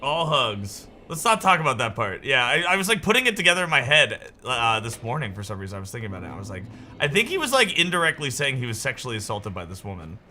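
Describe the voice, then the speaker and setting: A young man streaming a game, chatting casually and joking in a rambling way with sudden excited yelps. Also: mid-range voice, fast, slight background noise. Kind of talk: casual chat while gaming.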